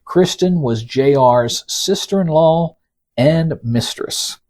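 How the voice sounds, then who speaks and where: Taking it slowly, a man with a slightly high, somewhat mellow voice hosts a podcast where he narrates scripted stories and reads quotes. His manner is folksy and conversational, with teasing asides aimed at the listener.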